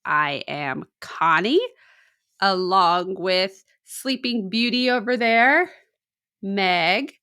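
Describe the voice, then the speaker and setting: Bright-voiced woman hosting a podcast, dry sound. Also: medium pitch, drawn-out words, clear, resonant tone, no echo. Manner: upbeat, chatty, laughs at her own stories. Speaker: podcast host. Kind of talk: casual true crime podcast chat.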